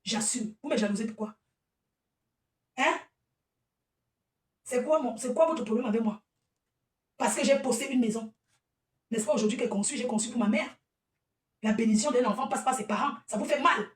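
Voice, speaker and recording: A woman's voice: a little high, normal speed, long pauses. A woman, an event organizer, ranting combatively on a livestream and breaking into laughing asides. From Cameroon. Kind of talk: livestream rant. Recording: echoey room, distant from mic.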